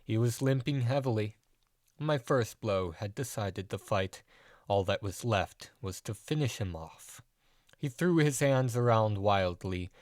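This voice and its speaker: A man narrating a dark first-person audio story in a measured, deadpan way. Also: on the low side, dry recording, clean studio sound.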